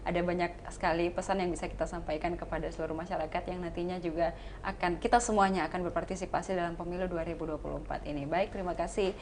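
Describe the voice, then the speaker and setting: A woman's voice: fairly low pitch, quick pace, slight background noise. A woman with a South Sulawesi Indonesian accent hosting a political talk show, wrapping up with a polite, formal sign-off. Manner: steady affirming backchannels, polite formal sign-off.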